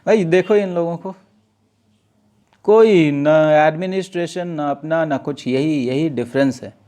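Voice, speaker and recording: A man giving an exam-prep lesson, reading newspaper lines aloud slowly, then asking his students questions and answering them himself. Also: a little high, dark tone. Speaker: teacher.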